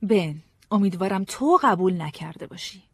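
A man voicing a sharp-tongued, mocking woman in a high put-on falsetto for an audiobook story. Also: animated, husky, no echo, clean studio sound, heavily acted.

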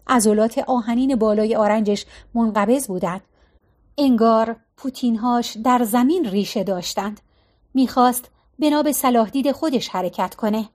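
Narrator: woman, high voice, calm and measured storytelling. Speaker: audiobook narrator.

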